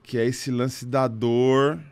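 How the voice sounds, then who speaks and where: A man with a Brazilian Portuguese accent hosting a casual podcast interview, talking in a slangy, halting way full of restarts. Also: mid-range voice, little pitch movement, clean tone, no echo. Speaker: podcast host.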